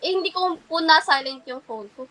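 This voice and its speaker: A woman's voice: high voice, animated, fairly quick, bright, forceful tone, low-quality recording. A woman being interviewed, telling her story politely and hesitantly, with many restarts and fillers. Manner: polite and hesitant, keeps addressing the interviewer respectfully. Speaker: interview guest.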